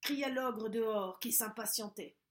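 A woman reading a children's story aloud in a gentle voice, often dropping to a soft hush. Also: fairly high pitch, unhurried.

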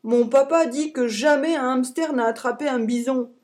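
A woman voicing an excitable little hamster boy who wants to be a cowboy, eager and bossy. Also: high voice, normal speed, voice pushed up, natural voice. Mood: proud.

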